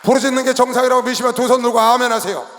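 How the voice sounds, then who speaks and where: Male pastor, high voice, sermon in a big arena with long reverb, shouts then drops low. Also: steady tone, rapid-fire, some chatter behind. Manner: preaching with sudden shouts and quiet asides. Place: large sports arena.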